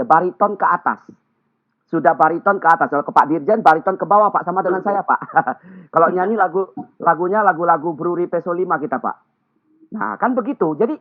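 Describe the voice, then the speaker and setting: A man giving a webinar talk as a public speaking trainer, speaking clearly and articulating every sound. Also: sits high. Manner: clear, carefully articulated, lively teaching delivery. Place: remote video call. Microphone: computer or phone mic on a video call. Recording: tinny phone-like online call audio.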